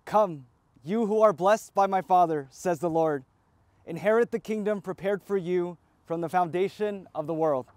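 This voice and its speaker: A high-pitched male priest leads a burial service, reciting each prayer in a steady, measured liturgical cadence. His voice is dry and close, with no room around it. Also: no echo. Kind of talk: graveside funeral rite.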